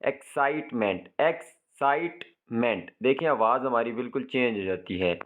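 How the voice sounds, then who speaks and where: Male teacher on a tinny line. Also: mid-range voice. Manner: reads English slowly, then explains in quick Urdu. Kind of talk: English lesson explained in Urdu. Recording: tinny phone-like audio.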